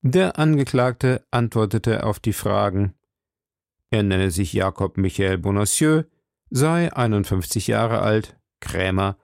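A man narrating a literary audiobook in a measured, storytelling way. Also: on the low side, gravelly, darkish tone, no room sound, studio quality.

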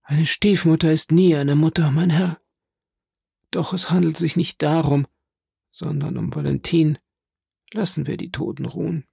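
A man's voice: a little high, fairly even intonation, measured pace, gravelly, pauses often, darkish tone, slightly rough, no echo, clean studio sound, heavily acted. A man voicing a frail, stern old grandmother who speaks in an imperious, insistent way, in an audiobook reading.

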